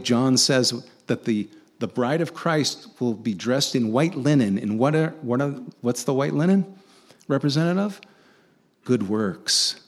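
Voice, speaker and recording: A mid-range male voice delivers a conversational sermon. He earnestly poses rhetorical questions to his listeners and frequently starts his sentences over.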